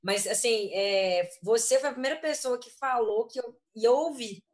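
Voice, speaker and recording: A woman's voice: on the high side, moderate pace. A Brazilian woman co-hosting a casual live chat, speaking hesitantly with many fillers. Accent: Brazilian Portuguese.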